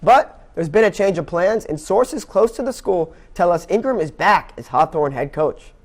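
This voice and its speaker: At a normal speed, a young sports anchor reads his scripted newscast with baseball commentary in a high, expressive voice. He also does play-by-play announcing, and his delivery follows a clear broadcast style.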